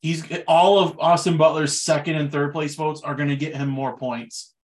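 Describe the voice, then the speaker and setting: A man co-hosting a podcast, chatting casually about movies in a relaxed way with loose fillers. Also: on the high side, moderate pace. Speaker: podcast co-host.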